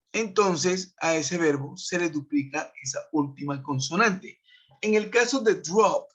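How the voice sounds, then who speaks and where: Slow, patient male teacher. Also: high voice. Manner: patient, explains step by step, checks in with "¿sí?". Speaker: English teacher. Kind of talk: online grammar lesson. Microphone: web conference computer mic. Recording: dull lo-fi web call audio.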